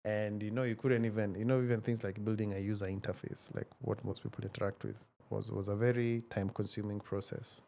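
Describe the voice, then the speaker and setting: A man in his forties with a low, gravelly voice talks through his story at a measured, thoughtful pace. He pauses often to find his words, and a faint hiss of noise sits under the recording. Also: level tone, a little mellow. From Kenya. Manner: measured and reflective, many hesitations. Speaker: guest, tech founder. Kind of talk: casual interview conversation.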